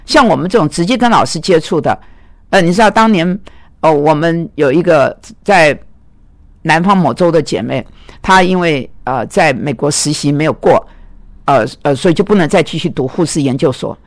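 A man teaching biblical counseling, telling anecdotes in an animated way and voicing quoted dialogue. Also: a little high, normal speed, no echo, studio quality. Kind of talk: lecture with personal anecdotes.

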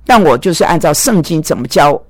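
A man teaching biblical counseling, telling anecdotes in an animated way and voicing quoted dialogue. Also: on the high side, a little fast, no echo, studio quality. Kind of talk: lecture with personal anecdotes.

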